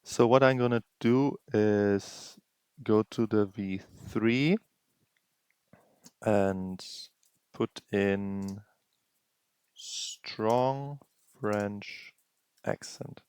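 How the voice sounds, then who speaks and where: A man with a low voice walks through a tutorial at a slow, unhurried pace, thinking aloud as he goes. He is close to the mic in a dry room. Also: a little mellow, clear, resonant tone, no echo. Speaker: tutorial host. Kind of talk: screen-recording tutorial narration.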